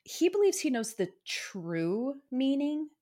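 A woman from Iowa co-hosts a casual true-crime podcast, chatting in a self-deprecating way and laughing often. Her high, mellow voice swings widely in pitch and moves slowly.

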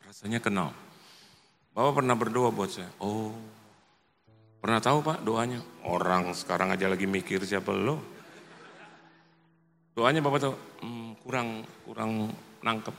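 Gravelly man preaching in a hall. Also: on the low side. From Indonesia. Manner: animated storytelling, acting out dialogue, laughing. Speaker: pastor. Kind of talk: sermon. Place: large church hall. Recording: reverberant church hall with music.

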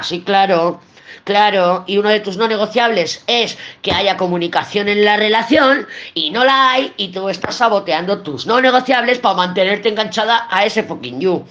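A woman's voice: mid-range voice, expressive, moderate pace, fairly bright tone, highs cut off. A woman with a Spain Spanish accent giving a weekly tarot reading, blunt and emphatic, swearing and repeating herself for emphasis. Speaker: tarot reader.

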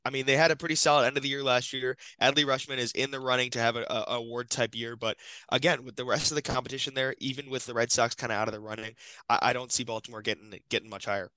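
Young male podcast co-host, bright morning voice, dry close mic, keeps the chat moving. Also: medium pitch, fairly even intonation, fast, smooth, no room sound, poor audio. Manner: upbeat, steers the talk. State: just woken up, morning voice. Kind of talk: casual sports podcast chat.

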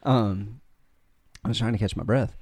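A man co-hosting a faith podcast, talking fast and earnestly, often restarting his sentences. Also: fairly low pitch, heavy background noise. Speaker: podcast co-host. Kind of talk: casual faith podcast chat. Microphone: podcast mic.

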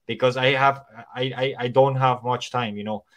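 A Spanish-speaking man talks in English with a Spanish accent carrying hints of Irish and American, his voice medium in pitch, fairly bright, and fairly even at a moderate pace. He's an English teacher chatting casually on a podcast, rambling along with lots of restarts and fillers.

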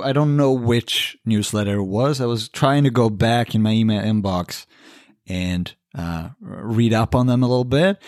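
A man hosting a podcast in casual conversation, animated and loose, swearing casually. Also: mid-range voice, dry recording, clean studio sound. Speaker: podcast host.

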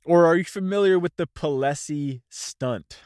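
This casual solo podcast features its host, a man in his thirties, speaking a little slowly in a voice on the high side that is smooth, a little mellow, and slightly congested and nasal. He's loose and self-deprecating, working unscripted in one take. The studio-quality recording has no echo.

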